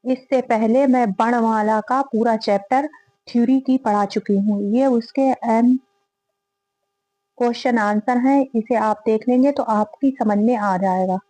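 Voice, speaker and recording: A woman with a slightly high, steady, warm voice teaches grammar a little slowly, working through quiz questions one at a time. After reading each question, she lists the options aloud and repeats them, and the recording quality is low.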